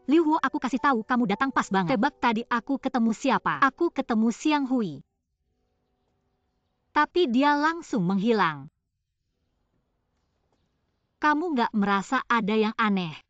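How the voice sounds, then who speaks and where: A woman's voice: a little high, expressive, unhurried, long pauses, fairly bright tone, no echo. An emotional, confused young woman. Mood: puzzled. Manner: pleading, emotional. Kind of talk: dubbed TV drama dialogue. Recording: dull lo-fi dubbing, dry.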